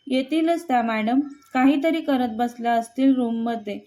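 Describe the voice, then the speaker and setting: Storybook part: woman reading a sharp-tongued, resentful young maid, high voice, soft mellow tone. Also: moderate pace, lightly acted. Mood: grumbling. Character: bitter jealous young female housemaid.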